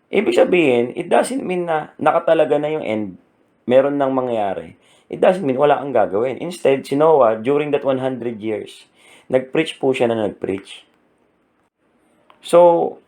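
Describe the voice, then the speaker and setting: A man's voice: medium pitch, warm tone. Male preacher, mid-range voice, earnest sermon delivery. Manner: earnest, asks the room "Amen?" often. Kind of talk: Taglish sermon talk.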